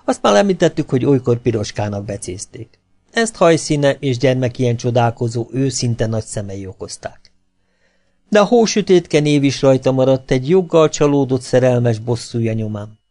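A man narrating an audiobook with a measured, expressive reading. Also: mid-range voice.

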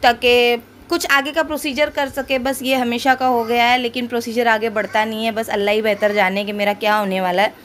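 Woman vlogger from India, casual direct-to-camera chat, a touch high-pitched, sore from dental work, faint room ambience behind the phone mic. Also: flat delivery, brisk, few pauses, fairly bright tone, a little hiss or hum. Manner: chatty, addresses viewers directly. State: in pain from dental treatment. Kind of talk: casual home vlog narration. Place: home and hospital, indoors.

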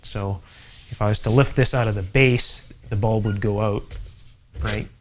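A man's voice: lowish voice, fairly even intonation, normal speed, a little hiss or hum. A middle-aged man hosting an electronics channel, thinking aloud with many fillers as he demonstrates an old device in a home workshop. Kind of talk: casual workbench demonstration.

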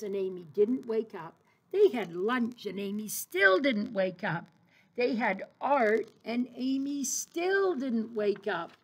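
A woman reading a children's picture book aloud in an expressive, sing-song way, as an early childhood educator. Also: medium pitch, slightly rough, low-quality recording.

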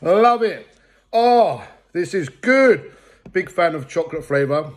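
Guy in his 40s doing a chill food review at home, kinda high voice, lots of ums. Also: lively intonation, slow pace. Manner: chatty, full of ums and restarts. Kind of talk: casual product review.

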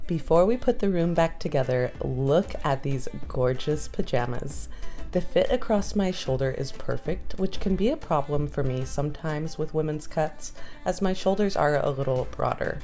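Low, mellow-voiced woman vlogger. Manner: chatty, speaks directly to viewers. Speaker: lifestyle vlogger. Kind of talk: voice-over for a clean-with-me video. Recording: voice-over with soft music underneath.

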